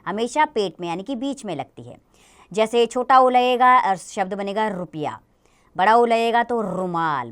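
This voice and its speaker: Smooth-voiced woman teaching children. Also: medium pitch, fairly bright tone. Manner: slow, patient, explaining to children. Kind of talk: children's grammar lesson.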